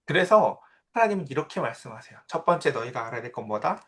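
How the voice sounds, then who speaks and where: A man's voice: mid-range voice, sing-song, quick pace, a bit bright. A man in his thirties, a pastor, giving a conversational sermon and telling personal stories. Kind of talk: sermon with Bible reading.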